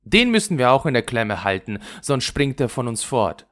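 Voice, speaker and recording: A man's voice: medium pitch, very animated, normal speed, a bit bright. A man doing a fierce little robber girl. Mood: teasing. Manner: fierce and teasing.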